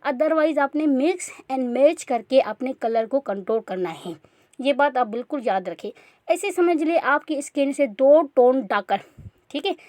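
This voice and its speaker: Animated and high-pitched, with a slightly mellow tone, this woman leads a makeup class at a measured pace. Her casual instruction is talkative, full of check-ins and frequent "theek hai," and there's no room sound at all.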